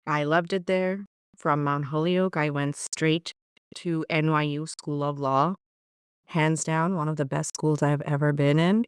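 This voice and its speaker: A Bangladeshi corporate lawyer appears as a podcast guest, earnestly telling her story in a deep, smooth voice. The interview is recorded with clean studio sound and no echo.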